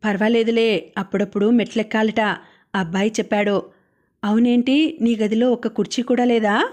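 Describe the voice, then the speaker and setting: A woman voicing a gentle, caring older lady of the house in a storybook reading, speaking softly and coaxingly. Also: a little high, fairly even intonation, natural voice. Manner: soft, coaxing, unhurried.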